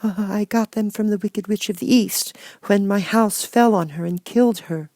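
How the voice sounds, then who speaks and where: A man's voice: sits high, moderate pace, a little mellow, no echo, voice pushed up. A man voicing a small, meek young girl in a storybook, timid and earnest in her pleading.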